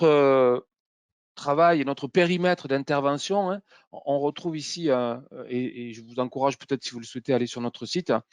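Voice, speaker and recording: A man's voice: medium pitch, no echo. Man with a Toulouse accent presenting. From Toulouse, south-west France. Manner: hesitant, many fillers and restarts. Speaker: consultant trainer presenting software. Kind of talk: webinar presentation.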